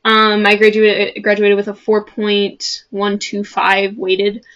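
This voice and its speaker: A woman's voice: medium pitch, monotone, slow pace, fairly bright tone, lo-fi sound. Earnest young woman chatting to camera. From Chicago suburbs. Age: young adult. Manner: earnest, chatty, many fillers and restarts. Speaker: vlogger. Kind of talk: casual talk to camera.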